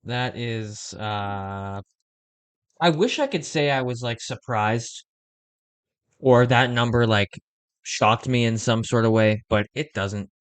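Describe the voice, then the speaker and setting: Brief: young male fan host, chatty play-by-play, close dry sound, mid pitch. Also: slow, clear, resonant tone, dry recording. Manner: conversational, reacts excitedly to plays, uses fillers like "like". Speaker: host of a fan watch-along stream. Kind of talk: casual live play-by-play and chat.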